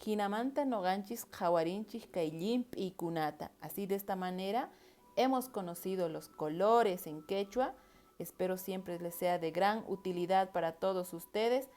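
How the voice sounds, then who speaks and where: A woman from Bolivia, teaching a vocabulary lesson and repeating each word slowly for learners. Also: medium pitch, a little mellow, faint music behind.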